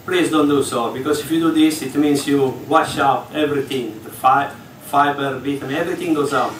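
An executive chef, an English speaker, explains a live cooking demonstration step by step on stage before an audience in a large hall on a ship, using slightly broken English. His mid-range voice is steady and brisk, heard from far off in the echoey hall with a little hiss or hum.

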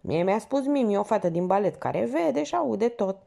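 A chatty, obsequious old theater porter, put on by a woman reading a storybook, with a raised, lively voice that leaps about. His tone stays gravelly and warm as he fawns and exclaims. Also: medium pitch, voice pushed up. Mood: gossipy. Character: fawning chatty older male theater porter.

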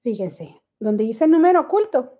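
Brash, profane high-pitched Mexican woman. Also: very animated, normal speed, warm tone. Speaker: livestream host. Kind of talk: casual livestream chat.

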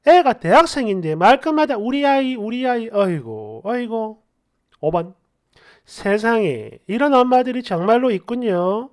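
A woman's voice: on the high side, a little mellow. Sarcastic scolding woman narrator. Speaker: narrator reading online posts and comments. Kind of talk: commentary on online posts.

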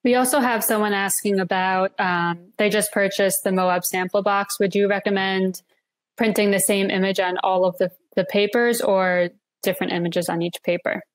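A woman's voice: medium pitch, fairly even intonation, normal speed. A woman moderating a webinar, reading out audience questions briefly and politely.

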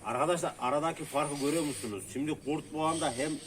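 A man's voice: on the high side, fast talker, background noise. Man coaxing dogs outdoors, slangy and fond. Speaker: vlogger with street dogs. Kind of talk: casual running commentary to camera. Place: outdoors on a street.

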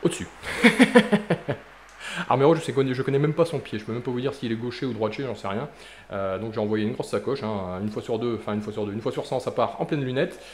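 A young man talks fast and excitably over his football game, joking and cheering his players on. His voice rings in an echoey room. A faint background hiss sits under it. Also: mid-range voice. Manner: jokey, excitable, chatty, with playful silly noises. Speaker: gaming YouTuber. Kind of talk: live gameplay commentary.

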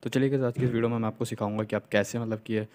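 A young man hosts a video editing tutorial as a voice-over on a screen recording, walking through it casually step by step with frequent check-in tags and filler phrases. His mid-range voice holds a steady tone and a darkish color, and he races along.

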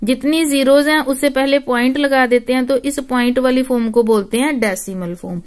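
High-voiced patient woman maths teacher. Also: fairly quick. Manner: patient, addresses students as "beta". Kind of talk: classroom lesson.

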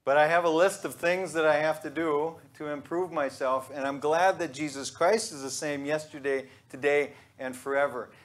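A man in his thirties, a pastor giving a conversational, joking sermon in a church sanctuary. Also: mid-range voice. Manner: conversational and joking, with pauses and restarts.

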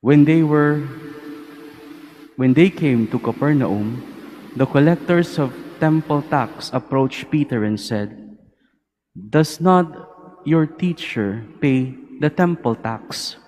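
A man with a Filipino accent, a priest speaking in measured, solemn phrases at Mass, his voice echoing in a cathedral. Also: mid-range voice, animated, darkish tone. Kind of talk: liturgical Gospel reading and homily. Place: large cathedral, over PA. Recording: echoey cathedral reverb with background noise.

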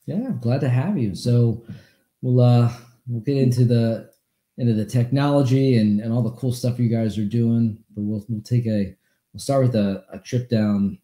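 A man's voice: mid-range voice, normal speed, mellow, echoey room. A man in his forties hosting a casual interview show over a video call, rambling and restarting his phrases. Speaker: podcast host. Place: home office with bookshelves. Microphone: video call webcam.

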